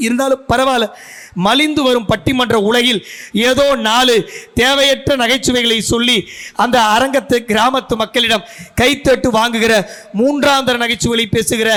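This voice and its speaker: Guy giving a stage speech at a school event, really high voice, tells stories and asks the crowd questions. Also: bright, forceful tone. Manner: storytelling orator who asks the audience questions. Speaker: debate speaker giving a guest speech. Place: school function venue.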